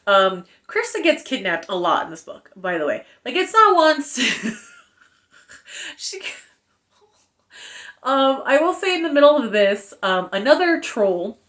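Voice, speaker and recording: A young adult woman giving a casual book review, retelling the story in an animated, chatty way full of fillers. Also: a little high, measured pace, pauses often.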